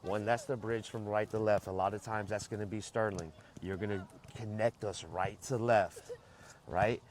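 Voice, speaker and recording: A man's voice: fairly low pitch, fairly even intonation, normal speed, darkish tone, slight background noise. A man coaching a soccer team in a pep talk, giving instructions, repeating key points and checking that players understand. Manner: checks understanding with short questions. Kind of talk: pre-game and halftime pep talk to a team.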